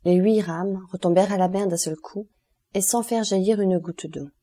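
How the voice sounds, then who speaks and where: A woman narrating a classic novel as an audiobook, in a steady, even reading manner. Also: mid-range voice, normal speed. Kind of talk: scripted literary narration.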